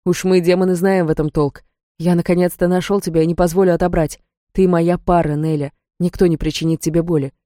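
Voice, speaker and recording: A woman's voice: fairly low pitch, level tone, a little fast, dark tone, no echo, studio quality, natural voice. Woman voicing a stern, firm demon lord. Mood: tender. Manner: firm, clipped, resolute. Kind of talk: audiobook character reading.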